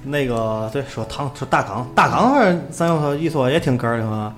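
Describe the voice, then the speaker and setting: A man's voice: mid-range voice, lively intonation, brisk, faint music behind. Tianjin-accented man in casual chat. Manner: colloquial, demonstrating local dialect phrases. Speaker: show host.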